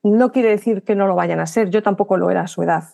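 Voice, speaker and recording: A middle-aged woman from Spain speaks with a Spanish accent as a podcast guest, in a mellow, warm voice with a good deal of vocal fry. She tells her stories in quick bursts, breaking off to correct herself, and plays out the voices of people she remembers talking with. Her pitch sits in the middle range for a woman. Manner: lively storyteller acting out remembered dialogue; talks in quick bursts with restarts and self-corrections. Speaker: guest writer. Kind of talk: podcast interview conversation.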